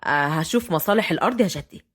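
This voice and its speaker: A stern young Upper Egyptian clan head barks short orders in a lowered, gruff voice, as a woman storyteller puts him on. He is quick-tempered and commanding, with an Upper Egyptian accent, in an audio storybook. The tone stays clipped and tough. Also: animated. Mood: restrained. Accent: Upper Egyptian Arabic. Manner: curt and commanding.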